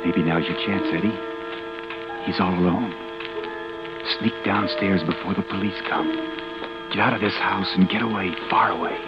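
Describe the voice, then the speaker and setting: An actor playing a panicked young man hiding after a killing, narrating his dread in a tense, often hushed inner monologue. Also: low voice, fairly even intonation, normal speed, long pauses, loud music behind the voice, close to an everyday voice. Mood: urging. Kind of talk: 1940s radio drama narration. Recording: dull old radio broadcast.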